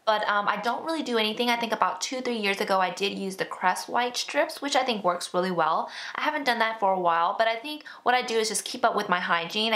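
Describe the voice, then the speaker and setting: A beauty vlogger in her twenties speaks in a medium-pitched, fairly bright voice, seated indoors. She chats casually with viewers and answers their questions, chatty and self-deprecating, with lots of filler words.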